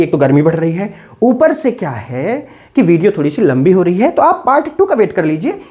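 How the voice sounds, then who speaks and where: A man's voice: sits high, darkish tone. A man teaching an English grammar lesson, talking casually to his viewers and drilling examples by repeating them with emphasis. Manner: addresses listeners casually as brother.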